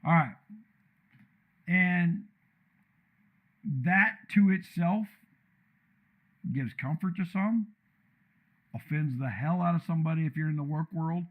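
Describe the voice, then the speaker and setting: A man rants casually on a live stream while tuning his microphone, blunt, loud and rambling, with a deep, commanding voice. He speaks slowly with long pauses, and the sound is phone-quality, from an untreated room with a computer fan running.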